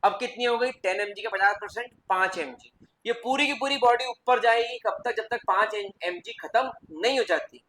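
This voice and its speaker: Male physics teacher, classroom lecture, bright sharp tone, drills students with questions. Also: high-pitched, a little hiss or hum, poor audio. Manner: quizzes the class with quick repeated questions; mixes English physics terms into Hindi.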